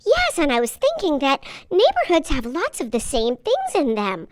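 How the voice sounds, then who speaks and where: In a high voice with huge swings in pitch, a woman plays an eager, cheerful little girl in a kids' cartoon. She narrates a language lesson at a slow, encouraging pace, repeating words as she goes.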